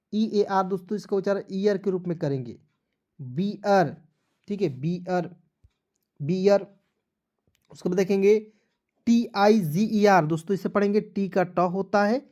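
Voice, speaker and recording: In a spelling lesson, a male English teacher spells words letter by letter and often checks if students have understood, repeatedly asking whether it's clear. His voice sits high with a dark tone.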